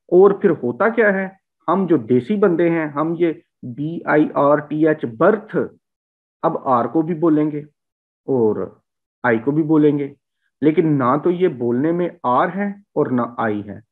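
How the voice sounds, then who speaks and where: A man's voice: fairly high pitch, lively intonation, unhurried. A man from Punjab teaching English vowel sounds in a lecture, repeating example words with heavy stress. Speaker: language teacher. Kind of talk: spoken phonetics lecture. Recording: tinny phone-like sound.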